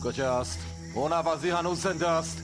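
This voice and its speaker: A man's voice: on the high side, music in the background, natural voice. A man dubbing a hot-tempered gunman who barks threats and demands answers in a film. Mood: menacing. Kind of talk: dubbed film dialogue.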